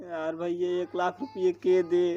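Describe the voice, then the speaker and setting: A man's voice: sits high, completely flat delivery, measured pace, dark tone, lo-fi sound. A man with an eastern Uttar Pradesh accent playing a town drunk, a whiny, pleading village husband, in an amateur comedy skit. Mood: worried, whining.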